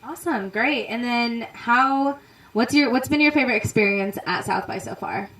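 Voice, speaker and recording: A woman's voice: on the high side, moderate pace, a bit bright, reverberant, distant mic, low-quality recording. A woman interviewing a musician in upbeat, giggly casual chat, full of "like" and "you know". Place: inside a parked trailer.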